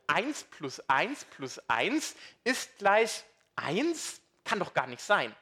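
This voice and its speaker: Male preacher, conversational sermon, slightly high, bright tone. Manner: lively, conversational, asks the congregation questions.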